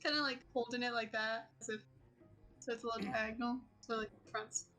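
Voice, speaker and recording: A woman in a tabletop game who is blunt and quick to exclaim. Her voice is high and bright. She is on a video call. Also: level tone, soft background music. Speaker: player. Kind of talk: tabletop role-play.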